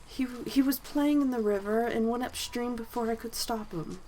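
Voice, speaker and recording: A woman voicing a shy little kitsune girl who speaks softly, stammering and near tears. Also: a little high, moderate pace, a little hiss or hum, voice pushed up, natural voice, poor audio. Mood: shy, tearful. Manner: soft, whimpering, stammering.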